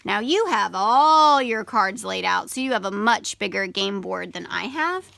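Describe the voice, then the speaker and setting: A woman teacher giving step-by-step instructions to young children in simple, deliberate phrases, stressing example words and sounds. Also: medium pitch, lively intonation, gravelly, pushed and bright, no echo. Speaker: elementary school teacher. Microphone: video camera.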